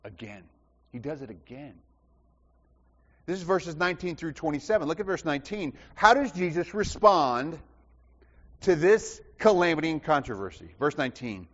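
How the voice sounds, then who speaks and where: A man preaching with a lively, swooping delivery, piling up repeated phrases and falling to near whispers before rising again. His voice is a touch higher than most men's. The recording is dull and carries a long reverb, as in a large church. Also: moderate pace. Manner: impassioned, rhetorical repetition, swings from loud to hushed. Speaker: pastor. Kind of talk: sermon.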